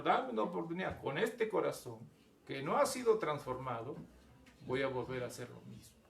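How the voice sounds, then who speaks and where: A man's voice: fairly high pitch, vocal fry, roomy sound. A male pastor preaching a sermon, often repeating words and calling his listeners brothers. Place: church.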